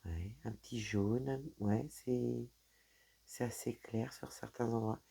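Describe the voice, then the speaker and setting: A slow, creaky bass voice with fairly even intonation, mellow and slightly rough. The crafting vlogger chats casually to her viewers while handling items from an unboxing, often filling gaps with "voilà" and "donc".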